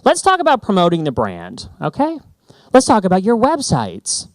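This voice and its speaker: A man giving a lively, joking presentation on stage. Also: a little high, no echo. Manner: animated, joking, emphatic. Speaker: branding speaker. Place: conference stage.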